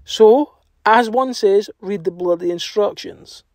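A Scottish man with a noticeably high voice for a male speaker narrates as a working plumber. He talks informally and colloquially, with a self-deprecating streak, as if explaining a job to viewers. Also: slow, a little mellow, no room sound. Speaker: plumber and video host.

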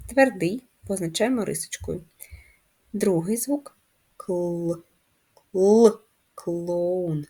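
A woman teaching a first-grade class how to write a letter, breaking words into sounds slowly and clearly. Her voice sits a little low and sounds mellow and soft-edged, with a faint huskiness. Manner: slow, clear syllable-by-syllable explanations. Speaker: primary school teacher. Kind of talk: first-grade handwriting lesson.

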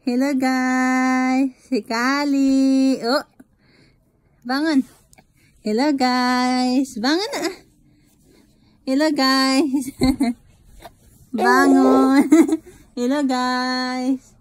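Slow sing-song baby-talking woman. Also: sits high, level tone, no echo. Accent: Filipino. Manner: sing-song, repeats short greetings and words slowly for the baby. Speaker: mother vlogging her baby. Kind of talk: baby talk to an infant.

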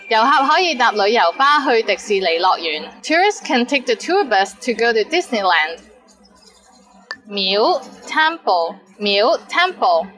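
A woman in her thirties with a Hong Kong Cantonese accent hosts a casual language lesson, teaching example phrases with chatty explanatory asides. Her voice is on the high side with a fairly bright tone, and the recording is rough.

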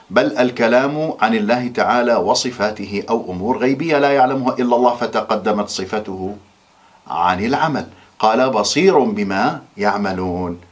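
A man giving a Quran memorization lesson, slowing down and stressing key words when he quotes verses. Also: medium pitch. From Iraq. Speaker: Quran teacher. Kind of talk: recorded religious lesson.

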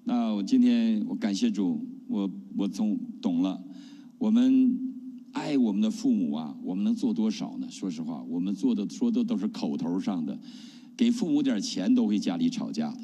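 A middle-aged man from China, a pastor giving an animated testimony sermon and often asking the congregation questions. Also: on the low side, moderate pace. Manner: animated preaching with rhetorical questions. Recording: long hall reverb.

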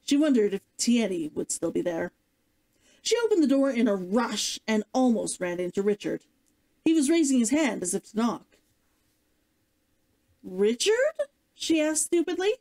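A woman's voice: medium pitch, lively intonation, normal speed, warm tone, rough recording. A woman narrating a novel like an audiobook, reading expressively and dramatically as a streamer. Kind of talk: scripted storybook narration, audiobook-like.

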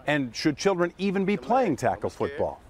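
A male TV news reporter narrating a scripted story in a measured, clear delivery. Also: a little high, big pitch swings, darkish tone.

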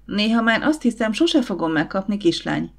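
A woman's voice: medium pitch, sing-song, gravelly. A woman voicing a tired, bitter young man, a struggling actor, in an audiobook. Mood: weary. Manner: tired, resigned.

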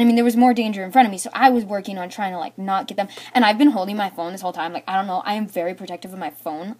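A teenage girl with a medium-pitched, somewhat dark voice rambles through a personal story like a storytime vlogger, dropping "like" into every sentence. She acts out parts of the tale with toys in this casual, filler-heavy chat.

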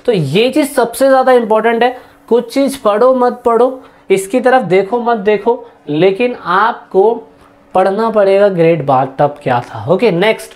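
A woman's voice: mid-range voice, a little mellow. Chatty woman teaching history. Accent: Hindi-English mix. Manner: chatty, repeats key points, addresses students directly. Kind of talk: casual online lesson.

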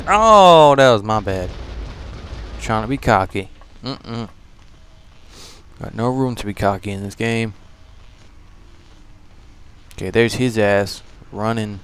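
Slow-talking man cursing through a game walkthrough. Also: on the low side, creaky, a little hiss or hum. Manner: profane, joking, talks back to enemies; swings from mumbling to loud outbursts. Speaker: gamer doing a walkthrough. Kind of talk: casual gameplay commentary.

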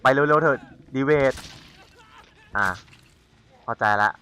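A man playing a horror game and commenting as he goes, chatty and excitable, teasing the players he hunts. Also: mid-range voice, slow. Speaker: gamer. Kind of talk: let's-play commentary.

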